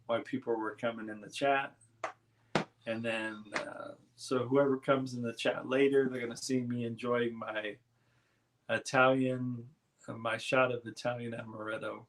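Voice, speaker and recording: Relaxed rambling man hosting a live stream. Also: mid-range voice, slight background noise. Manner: relaxed, rambling, reads chat aloud. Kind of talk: casual live stream chat.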